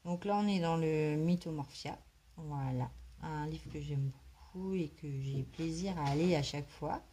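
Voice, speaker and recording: A woman's voice: low-pitched, moderate pace, dark tone, breathy edge. A woman chatting casually to her vlog while she colours, hesitant and rambling as she thinks aloud. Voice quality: slight smoker's cough. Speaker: craft vlogger colouring in a book.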